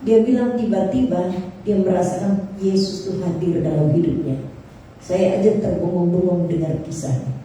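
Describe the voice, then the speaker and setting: A woman preaches in a loose, conversational way, telling a story to her congregation. Her voice is dark and mellow, and it sits far from the microphone in a very echoey church hall. A faint hiss stays under everything. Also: fairly low pitch, normal speed. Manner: conversational, addresses the congregation directly. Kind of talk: storytelling sermon. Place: church service.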